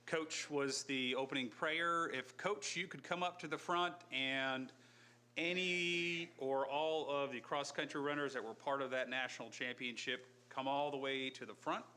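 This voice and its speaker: A man's voice: mid-range voice, fairly even intonation, unhurried, sharp tone. A man with an Indiana accent leading a city council meeting in the chambers, talking in an upbeat, folksy, chatty way. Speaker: council president. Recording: crowded chamber with background noise.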